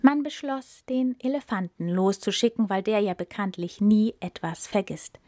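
A woman's voice: mid-range voice, animated, normal speed, warm tone, dry recording, clean studio sound. Woman reading a storybook aloud. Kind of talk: storybook narration.

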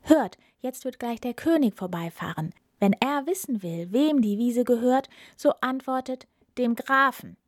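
Woman doing a high, eager storybook tomcat, crafty and flattering, dry close sound. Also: unhurried, hardly any pauses, no room sound. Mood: commanding. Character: clever flattering male talking cat.

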